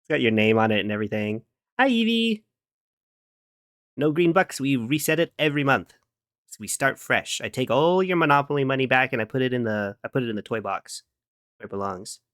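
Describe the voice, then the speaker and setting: A playful male streamer talks to his chat in a mid-pitched voice, now and then breaking into little hummed tunes. The sound is dry and close, with no room around it. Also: lively intonation, a little fast, fairly bright tone, clear, resonant tone, no echo. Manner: playful, giggly, hums and scats to himself while working. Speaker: streamer chatting with viewers. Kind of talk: casual live-stream chat.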